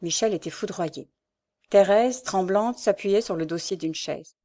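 A woman narrating a classic novel as an audiobook, measured and even. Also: mid-range voice.

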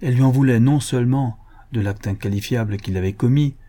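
A man narrating a novel in a measured, even audiobook reading. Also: mid-range voice.

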